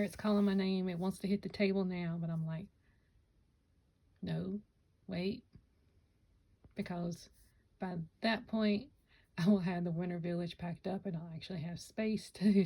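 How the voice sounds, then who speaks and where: Gravelly, husky woman chatting about builds. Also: fairly low pitch, mellow, low-quality recording. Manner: rambling, self-correcting, chatty. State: hiccups. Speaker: Lego vlogger. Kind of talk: casual chat to camera. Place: home Lego room.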